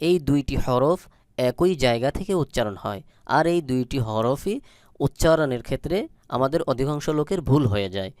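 A man with a Bangladeshi Bengali accent teaching Quran recitation, spelling out syllables slowly and deliberately and repeating them. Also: medium pitch, lively intonation, darkish tone, smooth, no room sound, clean studio sound.

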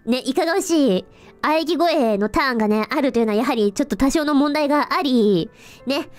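A woman's voice: high-pitched, brisk, faint music behind. A woman streamer chatting casually, telling an embarrassed story with giggles, calling herself the captain. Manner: animated, giggly, self-deprecating storytelling; refers to herself in third person as captain. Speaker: virtual streamer. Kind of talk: casual livestream chat.

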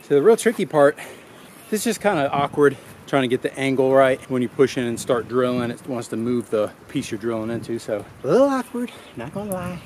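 Relaxed man working in the woods. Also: medium pitch, brisk, slight background noise. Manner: relaxed, talks to himself while crafting. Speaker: bushcraft vlogger. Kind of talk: casual narration while working. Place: woods outdoors at a campsite.

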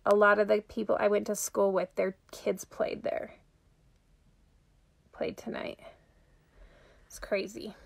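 A middle-aged makeup vlogger runs a casual live tutorial, chatting away with viewers as she works. Her voice is mid-range and creaky.

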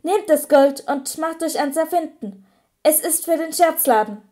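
A woman's voice: high voice, animated, a little slow, dark tone, voice pushed up. A woman voicing Harry Potter, a firm teen boy. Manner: firm, determined. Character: resolute teenage boy wizard, generous. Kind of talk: audiobook character voice.

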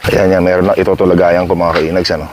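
Man from the Philippines, deep voice, rambling self-mocking vlogger, clip-on mic outdoors with faint ambient hiss. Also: level tone, quick pace, darkish tone. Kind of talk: casual chatty vlog addressing viewers. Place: outdoor backyard. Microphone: clip-on microphone.

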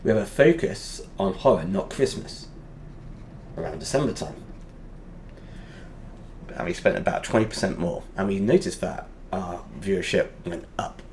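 A man teaching a lesson over a whiteboard drawing, explaining step by step and pausing often with fillers. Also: deep voice, a little mellow, a little hiss or hum.

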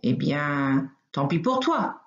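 A woman's voice: a little high, lively intonation, takes it slowly, darkish tone. A woman voicing a vain, bullying male wolf in a storybook reading, boastful and growling. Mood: menacing. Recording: roomy, slightly dull recording.

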